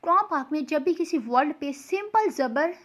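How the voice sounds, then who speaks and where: A young woman patiently explaining tajweed pronunciation and reciting slow examples as a Quran recitation teacher. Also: high voice, lively intonation, fairly bright tone. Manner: patient and explanatory, often checks in with "okay".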